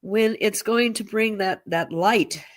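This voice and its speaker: A woman's voice: medium pitch, slow. A woman co-hosting a casual chat, speaking reflectively and often repeating words as she gathers her thoughts. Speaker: co-host.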